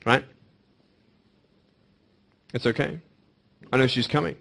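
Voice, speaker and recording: A young man giving an emphatic motivational speech to students, swinging between bold declarations and hushed, earnest appeals. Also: mid-range voice, fairly even intonation, slow, vocal fry. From Australia. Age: young adult. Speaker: motivational speaker.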